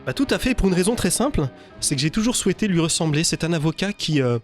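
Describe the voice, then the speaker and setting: A business lawyer from Lorraine, France, answers a radio interview in a studio, his fairly high, sing-song voice moving fast and full of hesitations and fillers. Faint music plays behind him, and he's picked up by a studio microphone.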